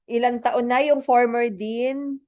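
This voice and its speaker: A network marketing speaker with a Filipino accent delivers a chatty motivational talk, switching between English and Tagalog and putting questions to the audience. Her voice sits on the high side with fairly even intonation, slow and darkish, captured in lo-fi sound.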